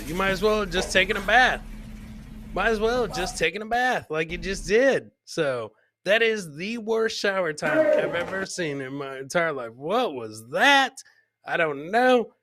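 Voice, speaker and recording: A man hosts a live comedy podcast, casually reacting to clips and chatting with viewers in crude, joking slang, often repeating phrases for emphasis. His voice is fairly high, pushed and bright.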